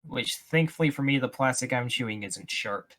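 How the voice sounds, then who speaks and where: A young man chats with friends on a podcast in a dry, matter-of-fact way. His voice is bright and edgy, at a middle pitch for a man. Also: moderate pace. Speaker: podcast co-host. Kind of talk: casual chat among friends.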